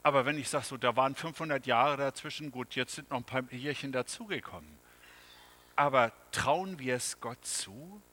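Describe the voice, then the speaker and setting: A male pastor preaching a sermon, slow and dramatic, swinging from loud phrases to hushed near-whispers. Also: medium pitch, poor audio.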